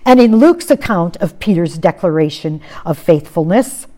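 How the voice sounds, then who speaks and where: A woman preaching a sermon, acting out the quoted lines and swinging between loud, intense passages and quiet, low ones. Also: normal speed. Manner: expressive, acts out quoted lines with rising and falling intensity.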